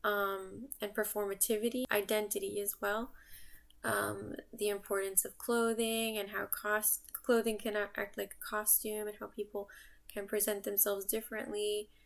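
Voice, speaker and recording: A young American woman, an artist and vlogger, introduces herself casually to the camera, thinking aloud in a reflective way. Her mid-range voice is creaky, with flat delivery and a moderate pace.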